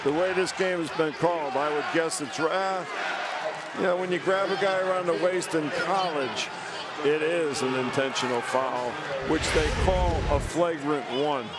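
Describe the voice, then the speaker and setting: A man's voice: a little high, moderate pace. A man working as color commentator on a live basketball game, explaining plays and rulings in conversational, folksy asides. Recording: noisy arena broadcast with loud crowd. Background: loud crowd, bouncing basketballs.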